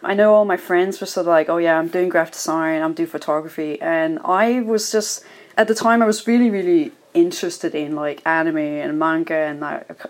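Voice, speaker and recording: Danish-accented woman, low voice. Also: steady tone, moderate pace. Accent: Danish with some Dublin Irish. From Denmark. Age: 30s. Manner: rambling, self-correcting, laughs often. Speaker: guest, illustrator. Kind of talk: casual interview chat.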